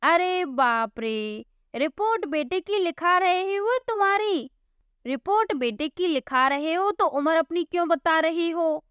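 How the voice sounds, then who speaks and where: Woman doing an impatient policeman, high voice, scolding, dry and close. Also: lively intonation, unhurried, a bit bright, no room sound, exaggerated voice. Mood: exasperated. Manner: scolding, exasperated. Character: impatient, bossy village police constable, man. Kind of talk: storybook voice acting.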